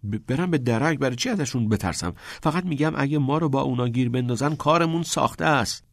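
A man's voice: mid-range voice, animated, vocal fry, no room sound, studio quality, voice pushed up. A man voicing a nervous, rule-abiding teenage schoolboy who sounds anxious and defensive.

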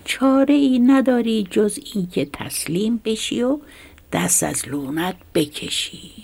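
A woman's voice: a little high, vocal fry, darkish tone, slightly rough, voice pushed up. A woman voicing a cautious, resigned older male mouse in a whispered role-play, giving sober advice. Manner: resigned, advising.

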